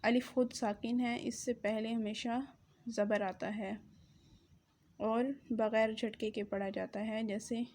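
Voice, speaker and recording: A woman teaching Quran reading, sounding out syllables in slow, emphatic drills. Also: fairly high pitch, little pitch movement, darkish tone. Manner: drawn-out, emphatic pronunciation drills.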